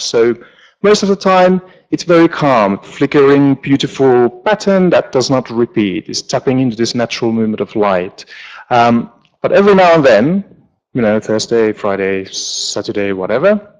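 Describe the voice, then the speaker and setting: A man from Finland, a lighting designer giving a relaxed, joking conference talk with many ums, on stage in a large auditorium. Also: medium pitch, poor audio. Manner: relaxed, joking, with frequent fillers. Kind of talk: conference presentation.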